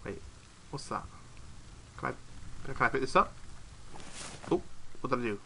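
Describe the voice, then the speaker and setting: A British man giving casual let's-play commentary, chatty and prone to excited exclamations. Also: mid-range voice, normal speed, vocal fry, slight background noise. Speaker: gaming YouTuber. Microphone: desk mic, no camera.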